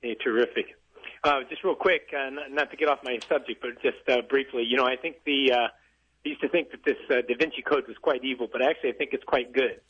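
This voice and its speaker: A radio show caller, a man whose voice comes through a dull, lo-fi phone line. His tone is forceful and husky, and he talks in an eager, agreeable way, quick to affirm. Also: mid-range voice, steady tone. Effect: radio show caller heard over a phone line. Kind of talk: casual call-in chat.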